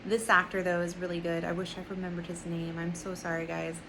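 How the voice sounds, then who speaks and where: A woman's voice: lowish voice, little pitch movement, fairly quick, background noise. A young woman reviewing a movie in a casual vlog, ranting, profane and sarcastic.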